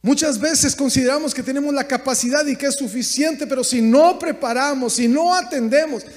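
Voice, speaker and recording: A man preaches in a very high voice, rising to loud exclamations and falling back to quiet asides. The sermon rings out with a long reverb, as in a church sanctuary. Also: fairly quick. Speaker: pastor.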